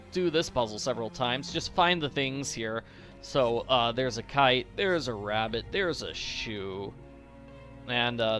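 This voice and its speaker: A man's voice: mid-range voice, pushed and bright. A man hosting a game walkthrough with casual, playful, jokey commentary.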